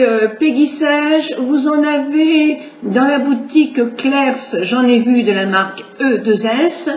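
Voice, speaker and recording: Addressing viewers in a chatty, explanatory way, a middle-aged woman demonstrates her makeup step by step despite a slight cold. Her voice is high and a little mellow. The recording sounds echoey with a faint background hiss.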